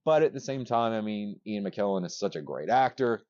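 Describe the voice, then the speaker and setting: Rambling, excited male podcast host. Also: on the low side, moderate pace, muffled recording. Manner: rambling, excited, swears casually, many restarts. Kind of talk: casual chat.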